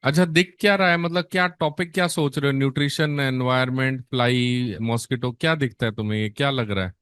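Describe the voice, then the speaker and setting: Brisk and a bit bright, this middle-aged man's mid-range voice has a clear, resonant tone. He coaxes his nursing exam class in Hindi and English, calling them beta and answering the quiz questions he poses. The recording is studio quality with no echo.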